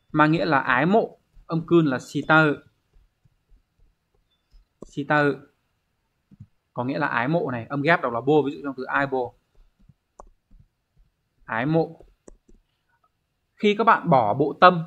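Male teacher, mid-pitched voice, explains step by step, muffled lo-fi sound. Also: fairly bright tone. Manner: explanatory, checks in with students often. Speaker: Japanese teacher. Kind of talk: online exam review lesson. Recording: dull lo-fi recording.

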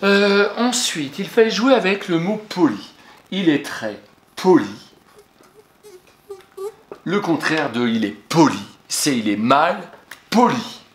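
A man's voice: fairly high pitch, big pitch swings, slow, pauses often. A male teacher patiently going over exercise answers for a young pupil, speaking to them directly and spelling words out letter by letter. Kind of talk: classroom lesson correction for young pupils. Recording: echoey room.

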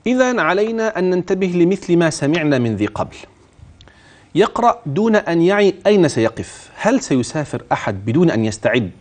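A man with an Egyptian accent teaching Quran recitation on TV, asking and answering his own questions and chanting verses slowly to demonstrate. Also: a little high. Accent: Egyptian Arabic. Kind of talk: TV recitation lesson, explaining and demonstrating. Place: TV studio.

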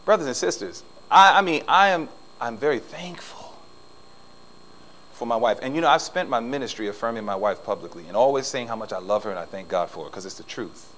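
A middle-aged man preaching a sermon in a church, swinging between loud emphasis and soft asides. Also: medium pitch, expressive, brisk, slight background noise, poor audio. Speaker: pastor. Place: church sanctuary.

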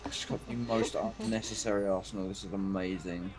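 A man's voice: low voice, fairly even intonation, fairly quick. A man chatting casually while playing a co-op shooter, joking and rambling. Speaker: gamer. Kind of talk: casual co-op game chat.

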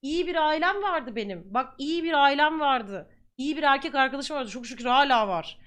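A woman's voice: high-pitched, fairly bright tone. A young woman streamer talking earnestly to her viewers, casual and slangy, repeating phrases for emphasis. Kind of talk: live stream chat talk to viewers.

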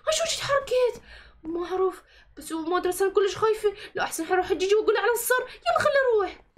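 Very high-pitched woman. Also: expressive, very fast. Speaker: channel host playing herself. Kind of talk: Minecraft machinima voice acting.

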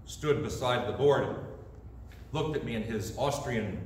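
Gesturing with both hands, a middle-aged pastor tells stories in a sermon from the church sanctuary. He speaks at a measured pace with a medium-pitched, darkish voice. The recording sounds distant and echoey, carrying slight background noise.

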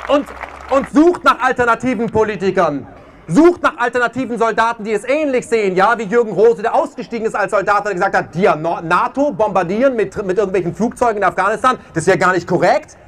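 A man's voice: sits high, fast talker, fairly bright tone. A man giving an impassioned protest speech at an outdoor demonstration, emphatic and often tagging on "ja?". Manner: emphatic, keeps tagging questions with "ja?". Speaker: speaker at a peace rally. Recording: faint crowd noise outdoors.

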